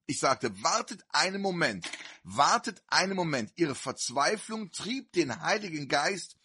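A man delivers a fervent sermon at a slow, deliberate pace. His voice is fairly high and bright, with a husky edge, and it swings widely in pitch as he builds emphasis. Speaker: preacher. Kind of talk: sermon with storytelling and prayer.

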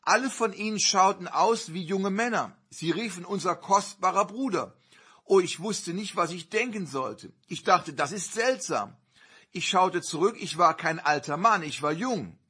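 A man preaching a sermon, telling a personal story earnestly with sudden loud surges. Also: high-pitched, breathy edge.

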